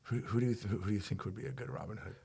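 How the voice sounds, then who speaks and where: A man's voice: fairly low pitch, very fast, creaky, husky. A man in his forties co-hosting a comedy podcast, chatting casually, laughing often and breaking into bits of song. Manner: animated, laughs often, breaks into sung snippets.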